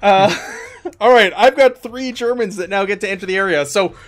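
A man narrating a tabletop game as its game master. His talk is loose and relaxed, full of "like" and "um". His voice sits slightly high. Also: moderate pace. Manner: relaxed, filler-heavy, laughs often.

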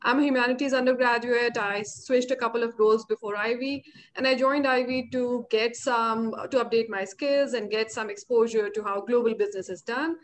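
Woman from india, alumna panelist, plain and hesitant, fairly high voice, faint background hiss. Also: fairly even intonation, normal speed. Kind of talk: self-introduction on webinar.

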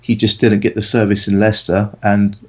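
A man in his thirties from England, co-hosting a football podcast in a relaxed, rambling way with many fillers. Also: fairly low pitch, brisk, husky. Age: 30s. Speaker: podcast co-host. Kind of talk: casual chat. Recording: dull lo-fi audio.

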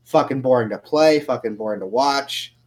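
A man chatting through game news on a podcast in an easygoing, profane way. He leans on "um" and "like" as he goes, with a middle-pitched everyday voice. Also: moderate pace. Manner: casual, swears freely, lots of fillers. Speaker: podcast co-host. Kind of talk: casual gaming news chat.

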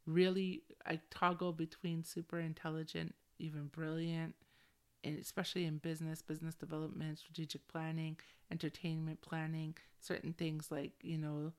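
On her solo podcast, a middle-aged woman chats frankly and laid-back, slang and all, filling her speech with valley-girl "like"s. Her low-pitched voice barely moves in pitch, keeps a moderate pace, and has a clear, resonant tone.

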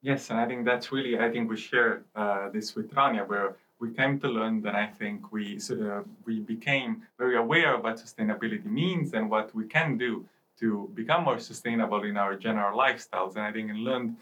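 A man's voice: fairly low pitch, fairly quick, bright, forceful tone. A young man from Italy, a student guest in a studio, explaining things with many hesitations and restarts. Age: young adult. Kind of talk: casual interview talk.

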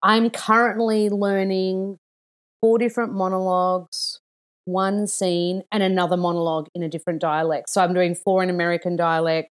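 A young adult woman, an actor chatting as a podcast guest and telling stories with animated enthusiasm. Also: fairly low pitch, normal speed, clean tone. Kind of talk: casual chat.

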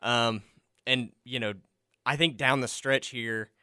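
A young man talking college football on a campus radio show, chatty and animated with a few fillers. His voice sits mid-range and sounds close and dry at a studio mic. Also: medium pitch, takes it slowly, clean tone, dry recording. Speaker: sports show co-host. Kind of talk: casual sports talk on college radio. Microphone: studio microphone.

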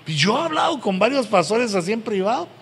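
A middle-aged man preaching to pastors, earnest and pleading, with sudden loud emphatic rises. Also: high-pitched, sing-song, brisk. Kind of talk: sermon to pastors. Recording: long hall reverb, faint background noise.

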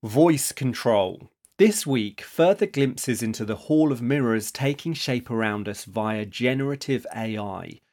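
A man hosts a podcast, reading his prepared script in a measured, explanatory way. His voice sits at a middling pitch for a man. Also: lively intonation, a little mellow. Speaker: podcast host.

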